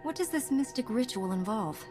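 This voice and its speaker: With music playing under her voice, a woman performs a video game cutscene as a resolute young warrior hero. Her voice is a little high, expressive, and close to an everyday sound, delivered at a moderate pace in an earnest, direct, composed way with a questioning mood.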